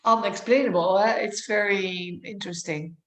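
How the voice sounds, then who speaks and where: A woman's voice: mid-range voice, moderate pace, fairly bright tone. A woman guest, a yoga therapist, explaining her work earnestly at length with many fillers and restarts. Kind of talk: conversational interview. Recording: echoey room.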